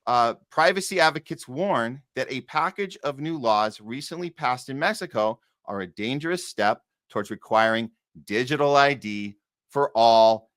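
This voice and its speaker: A man hosting a news countdown show, reading stories haltingly and dropping in sardonic commentary. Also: mid-range voice, fairly bright tone, no echo, studio quality. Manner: sardonic asides.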